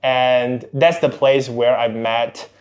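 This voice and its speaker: A tech executive appears as a podcast guest, speaking casually in a mid-range voice with fairly even intonation and a slow pace. Born outside Singapore and of Chinese cultural background, he often restarts his phrases.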